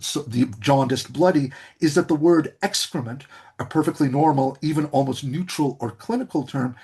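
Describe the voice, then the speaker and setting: A man delivering a scholarly public lecture from a script, measured in manner with frequent hesitations. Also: a little high, darkish tone, husky. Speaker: guest lecturer. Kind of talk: academic lecture read from a script.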